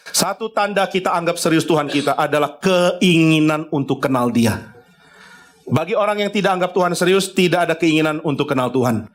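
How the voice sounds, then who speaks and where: A male pastor preaching a sermon, conversational and emphatic, acting out little dialogues with the congregation. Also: on the high side. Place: church.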